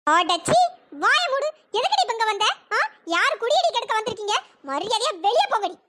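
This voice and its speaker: A cartoon voice performer playing a furious middle-aged mother-in-law who shouts insults, with the voice pitch-shifted. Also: very animated, a little fast, very noisy. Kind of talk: cartoon voice acting.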